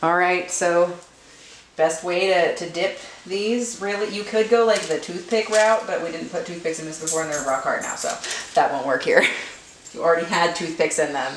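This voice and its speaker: Co-hosting a casual candy-making demonstration at home, a woman speaks at normal speed in a fairly low, steady voice. She's chatty, heavy on fillers and quick to laugh while she works, and the echoey kitchen recording is noisy and distant from the mic.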